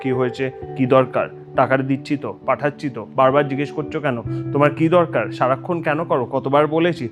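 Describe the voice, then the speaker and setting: A man's voice: medium pitch, fairly even intonation, fast, few pauses, voice pushed down, lightly acted. A man voicing a stern, distant middle-aged father who grumbles and brushes off his family in curt, dismissive replies. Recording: guitar music playing behind.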